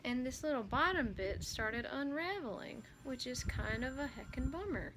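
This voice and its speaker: A woman's voice: high voice, lively intonation, moderate pace, a bit bright, slight background noise, poor audio. A young woman in college, chatting casually in a haul vlog, rambling with lots of fillers and giggling at herself. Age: young adult. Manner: giggly, self-deprecating. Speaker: vlogger. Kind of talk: casual chat haul video.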